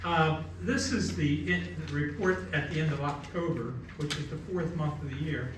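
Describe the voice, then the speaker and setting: A man's voice: on the high side, normal speed, background noise. A man giving the treasurer's report at a city council meeting in an easygoing manner. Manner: easygoing, with light laughs. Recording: echoey council chamber, distant mic.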